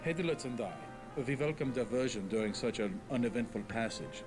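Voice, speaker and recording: Guy playing a stiff german official, formal and clipped, mid-pitched, music behind. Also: expressive, a little fast, lightly acted. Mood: coolly inquisitive. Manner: formal, clipped, coolly polite. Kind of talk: video game character acting.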